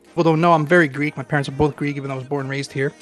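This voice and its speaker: A man of about forty speaks with a fairly high voice. He rambles through his story with plenty of fillers and self-deprecating asides. Faint music plays behind him. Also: steady tone, racing. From Queens, New York. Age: around 40. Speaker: guest. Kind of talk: casual chat.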